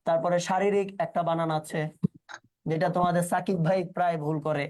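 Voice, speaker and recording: A man runs an exam-prep class in a relaxed, colloquial way. He fires questions at his students and echoes their answers back as he goes. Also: sits high, fairly quick. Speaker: teacher.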